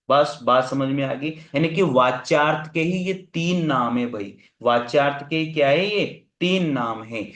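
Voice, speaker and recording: A man's voice: on the high side, a bit bright, reverberant. A man teaching an online exam-prep class, asking and answering his own questions and repeating key terms. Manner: urgent, coaxing asides to students.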